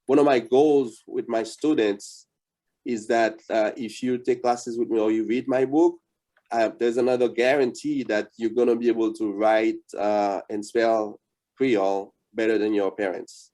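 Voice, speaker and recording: A man's voice: on the low side, steady tone, measured pace, warm tone. A middle-aged man from Haiti with a Haitian accent, teaching a beginner Creole lesson over a video call and patiently repeating key points as he explains. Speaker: Creole language teacher and author. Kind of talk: online beginner language lesson.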